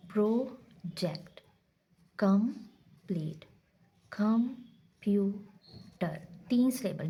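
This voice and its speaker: Woman teacher, mellow voice. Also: mid-range voice, slight background noise. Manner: explains step by step, repeating key points. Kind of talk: casual lesson walkthrough.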